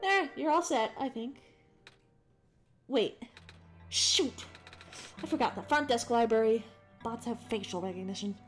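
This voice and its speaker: Woman reading as a flustered young inventor, game dialogue read aloud, high lively voice, chatty and apologetic, faint music behind. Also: unhurried, long pauses, close to an everyday voice. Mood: apologetic, friendly.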